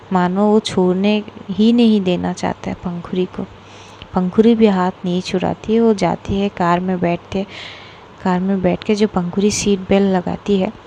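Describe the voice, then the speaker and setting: Mellow Bengali-accented woman storyteller. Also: medium pitch, vocal fry, slight background noise. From Bangladesh. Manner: casual, filler-heavy narration. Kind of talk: reading a serialized romance story.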